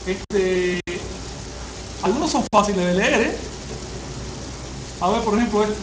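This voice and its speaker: A man teaching a classroom lecture, often asking the class questions and pausing on fillers. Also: sits high, expressive. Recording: echoey room, faint hiss.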